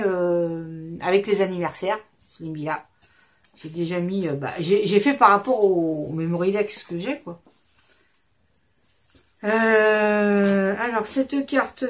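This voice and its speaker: Woman, 50s, vlog host; loose, rambling casual chat from a home desk. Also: medium pitch. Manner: rambling, chatty, self-interrupting. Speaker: craft channel host.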